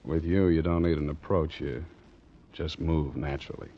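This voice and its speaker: An actor playing a tough, wry ship's master who narrates his adventure in deadpan 1940s radio noir style. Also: extremely low pitch, moderate pace. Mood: low, seductive. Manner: deadpan, wisecracking. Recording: muffled 1940s radio recording with music.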